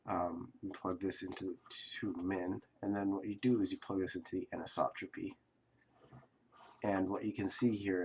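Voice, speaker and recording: Low-voiced sick man explaining software. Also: slight background noise. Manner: relaxed, rambling, self-correcting with fillers. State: sick, coughing. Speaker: software tutorial host. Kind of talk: casual screen-recorded tutorial.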